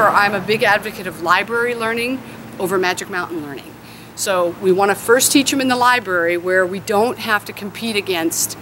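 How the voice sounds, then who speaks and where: Outdoors on grass, a woman dog trainer walks through her training methods step by step in an instructional explanation. Her medium-pitched voice is slightly bright, with outdoor noise in the background.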